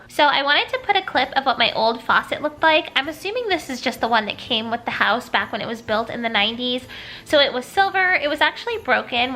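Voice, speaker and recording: Hosting a relaxed home decor video, a woman chats cheerfully in a high-pitched, sharp voice. Illness has left her congested, so she sounds nasal.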